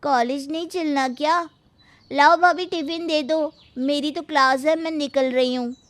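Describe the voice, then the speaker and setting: A young woman voicing a brisk, teasing college-age sister-in-law in a cartoon story. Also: high-pitched, steady tone.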